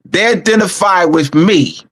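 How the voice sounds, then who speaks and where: A man with a Camden, New Jersey accent, telling a story slowly and reflectively, often repeating words as he thinks aloud. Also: high-pitched, fairly bright tone, husky, low-quality recording.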